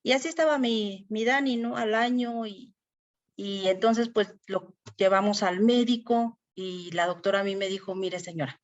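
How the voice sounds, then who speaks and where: A woman's voice: mid-range voice, muffled recording. Earnest woman sharing testimony. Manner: earnest, emotional storytelling with many fillers. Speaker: class participant sharing testimony. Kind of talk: personal testimony in a Bible study class.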